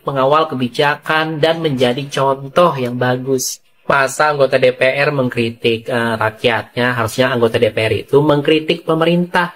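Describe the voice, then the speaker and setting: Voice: medium pitch, fairly bright tone. A narrator reading scripted gossip news commentary, rhetorical and addressing viewers directly.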